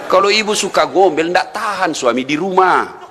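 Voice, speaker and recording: A man's voice: high-pitched, lively intonation, moderate pace, fairly bright tone. A male Islamic preacher giving a humorous sermon, teasing the congregation and often laughing. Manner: joking, teasing, with frequent laughs. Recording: echoey hall, faint noise.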